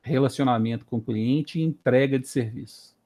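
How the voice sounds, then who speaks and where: Interview guest: male, late 40s, Brazilian Portuguese accent, relaxed dark tone, halting conversational storytelling. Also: mid-range voice. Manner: hesitant, repeats words while thinking. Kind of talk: casual career storytelling.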